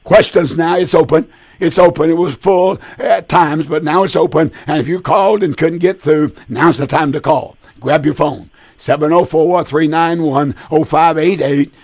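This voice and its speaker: Creaky, worn-voiced male preacher. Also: a little high, normal speed, a little mellow, no echo. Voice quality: weak, strained, husky voice. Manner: earnest, plain folksy exhortation with repeated phrases. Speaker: preacher hosting a call-in Bible show. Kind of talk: live Bible call-in preaching.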